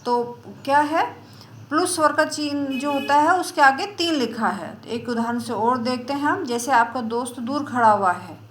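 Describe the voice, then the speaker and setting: A woman teaching a lesson, explaining step by step in a slow, patient way and drawing out example sounds. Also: high voice, expressive, a bit bright, roomy sound, a little hiss or hum. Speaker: Sanskrit teacher.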